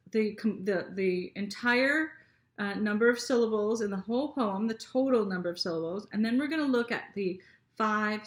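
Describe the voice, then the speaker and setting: A woman teacher giving a gentle lesson to children, asking them questions and reading aloud. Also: mid-range voice, reverberant.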